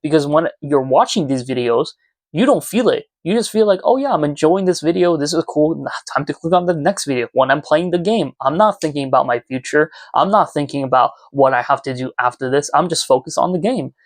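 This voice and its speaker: A twenty-year-old YouTuber speaks to his viewers from a small room at home, earnest and reflective in a casual, confessional vlog. His voice is fairly high and a little fast, with no echo.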